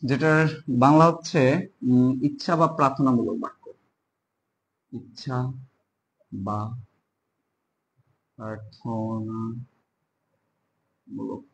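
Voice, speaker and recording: A man giving a casual spoken grammar lesson, spelling terms out letter by letter and stretching key words slowly. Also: medium pitch, gravelly, a bit bright, a little hiss or hum. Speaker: teacher.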